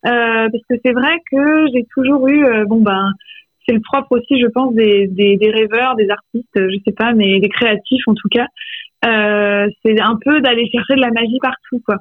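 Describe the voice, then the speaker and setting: Author guest on a phone call, heard through a thin landline, close and dry, thoughtful and searching in delivery. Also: female voice, on the high side, steady tone, normal speed, no echo. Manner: reflective, searching for words. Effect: heard over a landline phone line. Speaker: author interviewed about her poetry. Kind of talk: radio interview by phone. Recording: tinny, dry phone line.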